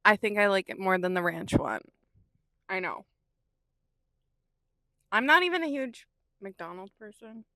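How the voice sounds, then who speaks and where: Young woman, casual vlog chat, rambling and candid, in a car, mid pitch, dry close sound. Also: expressive, measured pace, pauses often, bright, forceful tone, no room sound. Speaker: vlogger and artist. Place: inside a parked car.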